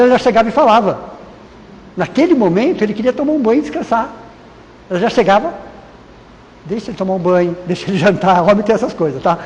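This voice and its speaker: A man's voice: high-pitched, a little mellow. A Brazilian man giving an informal lecture to a live class, chatty and repeating key words, often quizzing the audience. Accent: Brazilian Portuguese. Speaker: lecturer at a spiritist course. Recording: reverberant hall with faint noise.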